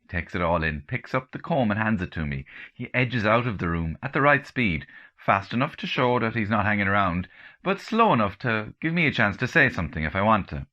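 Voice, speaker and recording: A man with an Irish accent giving a comic first-person reading, telling the story dryly with deadpan asides. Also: fairly low pitch, a little fast, muffled recording. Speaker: comedian and author reading.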